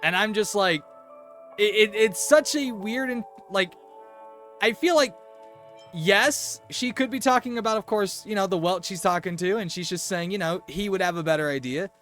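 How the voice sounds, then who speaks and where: Excitable man reacting to a game. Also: high voice, moderate pace, faint music behind. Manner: excitable, incredulous, rambling. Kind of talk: let's-play commentary.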